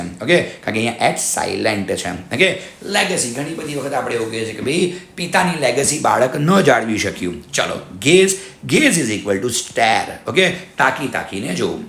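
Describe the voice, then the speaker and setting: A man's voice: mid-range voice, a bit bright, reverberant. A man with a Gujarati accent teaching English vocabulary to students, explaining in a mix of his own language and English and often checking with "okay?". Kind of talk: vocabulary lesson.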